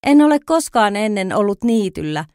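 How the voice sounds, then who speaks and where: A woman's voice: mid-range voice, sing-song, darkish tone, no room sound, studio quality, pitched above the performer's own voice, lightly acted. A woman voicing a small, curious male fawn who exclaims with wonder in a storybook reading.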